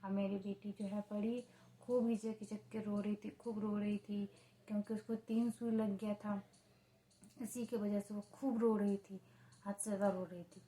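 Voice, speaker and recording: A woman's voice: medium pitch, little pitch movement, normal speed, mellow, low-quality recording. A woman speaking Hindi, a mother telling the story of her day in a casual home vlog, in a plain, repetitive way. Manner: talks to her baby in a sing-song, playful tone. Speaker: vlogger, mother.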